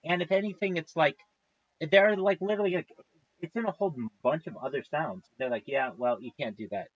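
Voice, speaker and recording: Husky-voiced man in his thirties ranting. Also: a little high, brisk, no echo, highs cut off. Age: 30s. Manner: profane, exasperated, rambling. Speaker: livestreamer. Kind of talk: casual storytelling rant.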